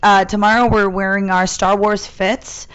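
A woman's voice: medium pitch, little pitch movement, moderate pace, a bit bright, clear, resonant tone, lo-fi sound. A young woman co-hosting a casual chat, chatty and giggly, her voice a bit worn out. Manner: chatty, giggly, loose swearing. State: voice partly worn out. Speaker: podcast co-host.

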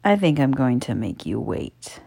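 A woman reading an erotic story, voicing a dominant man who gives quiet, slow commands. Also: a bass voice, very animated, gravelly, slightly rough, pitched below the performer's own voice, heavily acted. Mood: stern, hushed.

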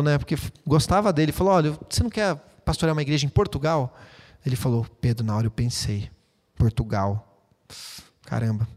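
A man preaches in a high, bright-sounding voice, talking to his congregation in a lively, chatty way full of playful asides. His words ring out with the long reverb of a church hall. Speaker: pastor. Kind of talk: sermon.

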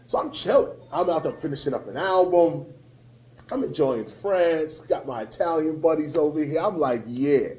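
A man from the United States, a rapper, giving an impassioned public talk to an audience, emphatic and repeating key phrases, swinging between loud and hushed. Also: on the high side, lively intonation, moderate pace, low-quality recording.

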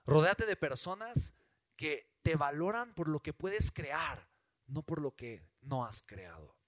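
A man with a Mexican accent giving an animated, emphatic motivational talk as a business mentor, often asking rhetorical questions. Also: a little high, slow, no room sound. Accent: Mexican Spanish.

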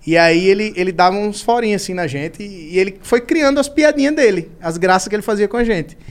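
A man's voice: sits high, fairly quick. A Brazilian man telling family stories in a casual podcast chat, mimicking the voices of his relatives. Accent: Brazilian Portuguese. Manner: animated storyteller, imitates relatives' voices. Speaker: podcast guest, comedian.

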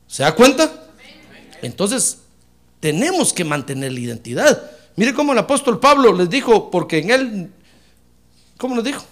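A man pastor preaching a sermon, emphatic and addressing listeners as brother, swinging from hushed asides to shouted praise. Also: high voice, sing-song, normal speed.

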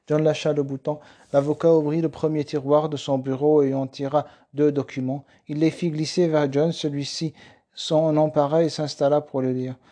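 A man reading a novel aloud in a steady, dry narrating style. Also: on the high side, normal speed. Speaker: reader. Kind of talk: audiobook narration.

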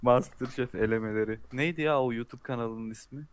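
A man chatting casually on a podcast with friends, animated, cutting in to make his points and laughing often. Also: medium pitch, brisk, clean tone. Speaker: podcast co-host.

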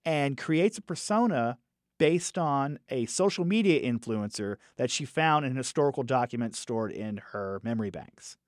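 In a casual podcast chat, a male film reviewer talks animatedly at medium pitch and normal speed, restarting phrases as he thinks aloud. He acts out quoted characters in raised voices, and the recording is studio quality with no room sound.

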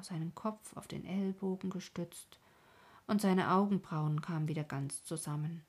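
Low, husky storybook narrator woman. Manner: calm, gentle, often half-whispered. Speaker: audiobook narrator.

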